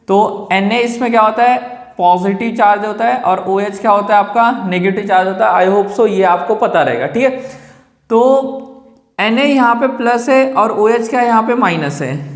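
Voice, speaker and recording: Man teaching chemistry in an echoey room. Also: sits high. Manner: keeps asking rhetorical questions and answering them himself; repeats key terms slowly. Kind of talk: classroom lecture. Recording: echoey room with long reverb.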